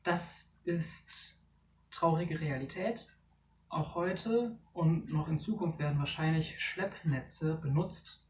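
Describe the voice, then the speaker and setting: A storyteller reading a short story aloud in a measured way. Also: medium pitch. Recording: echoey room, distant mic, faint noise.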